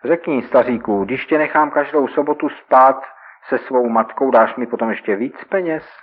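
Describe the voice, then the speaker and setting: A man's voice: medium pitch, fairly even intonation, lightly acted. A man voicing a brash young male street robber in a radio reading, taunting and mocking. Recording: tinny old radio recording.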